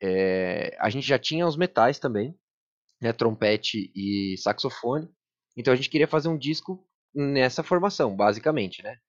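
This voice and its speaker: Mid-pitched Brazilian man explaining casually. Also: animated, normal speed, muffled recording. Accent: Brazilian Portuguese. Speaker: podcast guest, musician. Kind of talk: casual chat.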